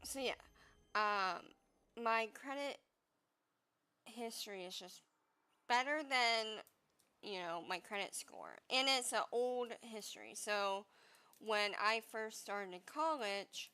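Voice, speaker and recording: A young woman talks slowly and casually while playing a game, her voice stuffy and congested. Her tone is bright and a little tense. She rambles, leans on fillers, and swears offhandedly. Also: on the high side, clean tone. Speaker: gaming vlogger giving advice. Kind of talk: casual chat over gameplay.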